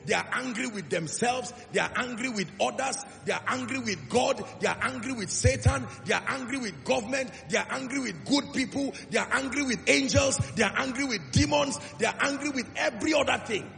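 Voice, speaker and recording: A man preaching a sermon, emphatic, building through repeated phrases and dropping to a low earnest tone. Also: fairly quick, gravelly, few pauses. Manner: emphatic, rising repetitions, shifts between loud exhortation and low earnest tone. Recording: long hall reverb with faint music.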